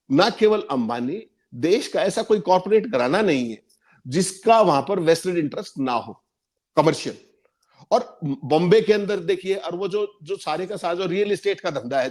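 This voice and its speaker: A man's voice: sits high, darkish tone. A man giving emphatic political commentary on a panel, repeating points for stress.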